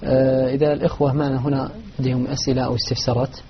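A man's voice: mid-range voice, flat delivery, racing, a little hiss or hum. A man moderating a lesson, reading out listeners' questions and giving brief acknowledgments. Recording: dull lo-fi recording.

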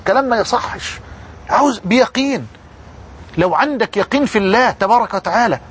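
A man's voice: sits high, slightly rough. A man preaching a sermon with an Egyptian Arabic accent, telling a story fervently and repeating key words for emphasis.

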